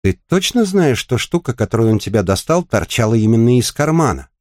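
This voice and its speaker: A brash, crude courier guy who mocks and needles, pitched higher and bouncing all over his range, as a male reader puts him on. Coarse and teasing, with a dry close sound. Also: very animated, a little fast, darkish tone, dry recording, close to an everyday voice. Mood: mocking.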